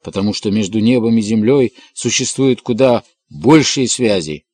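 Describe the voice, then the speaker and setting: A man voicing an excitable old male professor who speaks with impassioned fervor and breaks into cries. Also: fairly low pitch, moderate pace, dry recording. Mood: lecturing.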